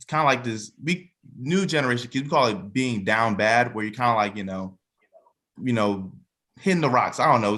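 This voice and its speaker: This man, a musician and songwriter in his twenties, is being interviewed casually as a cast member. He has a mid-range voice with a sharp tone and frequently repeats phrases to drive points home.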